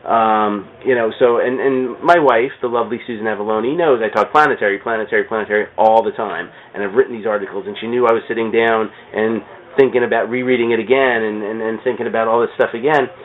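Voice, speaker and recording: A comic shop owner appears as a podcast guest, telling stories in a casual, rambling, enthusiastic way and repeating words. His voice is low-ish, fast and fairly even, over a tinny phone-like line with clear background noise.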